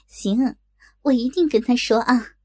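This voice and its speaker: Brief: higher-pitched woman storyteller, unhurried and breathy, close dry mic, soft music underneath. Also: dry recording. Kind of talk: first-person audio story narration.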